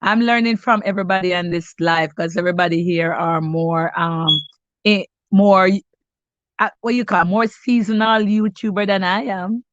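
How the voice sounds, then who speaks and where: Running her cooking channel's live stream, this Jamaican host in middle age talks casually with viewers, addressing them by name. Congested and stuffy, she frequently starts her sentences over, at normal speed in a medium-pitched voice with fairly even intonation. The sound is dull, without echo.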